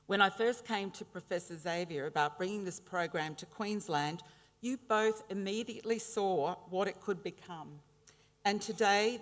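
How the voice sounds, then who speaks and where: The speaker, a middle-aged Australian woman at a fairly low pitch, gives a formal ceremonial address to graduates. She relates warm, funny stories with measured delivery, and the big indoor hall leaves the audio reverberant.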